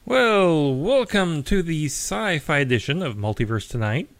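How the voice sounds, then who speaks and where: A man's voice: fairly high pitch, very animated, moderate pace, no room sound. A man hosting a geeky news podcast, chatty, with wry asides and frequent fillers. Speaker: podcast host.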